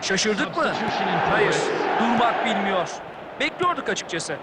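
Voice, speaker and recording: A man's voice: high voice, very animated, takes it slowly, exaggerated voice. A man playing an opinionated, enthusiastic football co-commentator in a video game, giving analysis in full flowing sentences. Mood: impressed. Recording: loud stadium crowd and noise. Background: roaring football crowd.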